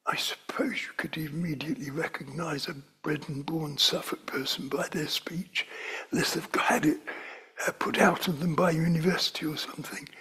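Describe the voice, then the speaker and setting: An older London man preaches a sermon in a chatty, wandering style that builds to emphatic stresses. His voice is fairly high, bright, and forceful, with fairly even intonation at a normal speed, and it's very breathy, often slipping into a whisper.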